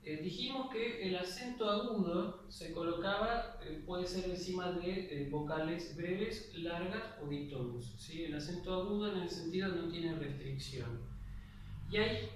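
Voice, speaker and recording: Speaking a little slowly, a young Argentine lecturer with a slightly high voice patiently explains his material to a class, pausing after each point to check in. Heavy echo fills the room, he's set well back from the mic, and faint noise hisses beneath.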